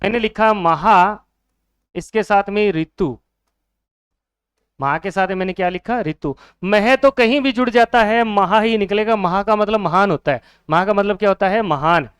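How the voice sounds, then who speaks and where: A man's voice: high-pitched, normal speed, fairly bright tone, smooth, dry recording, studio quality. A man teaching a Hindi grammar lesson for exam students, asking questions and answering them himself, repeating each key word.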